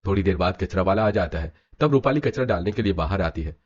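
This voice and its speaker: A man narrating a scripted animated story in a brisk storytelling manner. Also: low voice. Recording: dull lo-fi with music.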